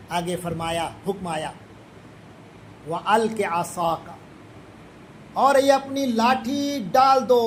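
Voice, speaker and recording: A middle-aged man from Pakistan, teaching a Quran commentary lesson. He recites the Arabic verses slowly, then explains them quickly in plain speech. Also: sits high, slight background noise, rough recording.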